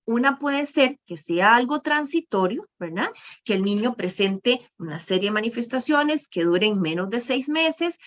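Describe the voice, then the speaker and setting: A woman gives a presentation to professionals on child behavior, checking in often with "¿verdad?" and pausing on fillers. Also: fairly high pitch, animated, a bit bright. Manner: frequent "¿verdad?" tags and fillers. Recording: muffled lo-fi recording.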